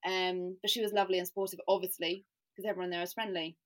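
A woman's voice: lowish voice, flat delivery, fast. Chatty woman in her thirties. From England. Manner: chatty, self-deprecating, laughs often, lots of "like". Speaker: guest. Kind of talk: casual podcast conversation.

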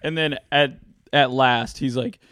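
A man co-hosting a podcast, telling a funny story in a casual, animated way with lots of laughter. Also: medium pitch, unhurried, dry recording, studio quality. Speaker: podcast co-host.

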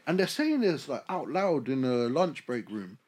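A man's voice: medium pitch, sing-song, normal speed, darkish tone, slightly rough. A man with an urban London roadman accent, chatting casually in street slang as a podcast host, telling stories with swearing.

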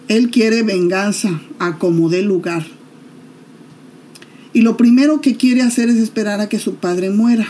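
A woman retelling a Bible story in relaxed, conversational storytelling. Her voice is mellow and warm, and she keeps dropping chatty asides and filler tags. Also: medium pitch, slight background noise.

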